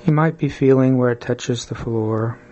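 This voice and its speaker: A man leading a guided body-scan meditation, speaking calmly and soothingly, with long pauses between short phrases. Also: mid-range voice, slight background noise.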